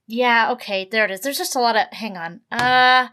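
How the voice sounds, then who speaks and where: Woman, player, tabletop game, eager, flustered, somewhat high voice. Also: moderate pace, bright, forceful tone, a little hiss or hum. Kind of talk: casual tabletop game chat.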